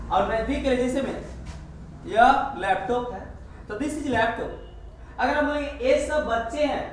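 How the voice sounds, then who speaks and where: A man teaching an English grammar lesson, explaining step by step and repeating each example slowly. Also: extremely high pitch, fairly bright tone. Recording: echoey room, far from the mic, faint hiss.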